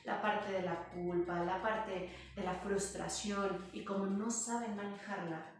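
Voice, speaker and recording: A woman's voice: medium pitch, steady tone, unhurried. A woman guest explaining in an interview, in an explanatory, storytelling manner. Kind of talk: interview talk. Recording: echoey room from far off.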